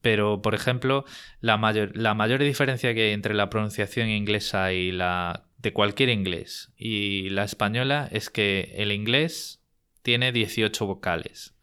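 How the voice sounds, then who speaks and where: A man's voice: lowish voice, fairly even intonation, measured pace, pushed and bright, clean tone. A man from Galicia with a Spanish accent, a guest explaining things in a casual interview, with plenty of fillers. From Galicia, Spain.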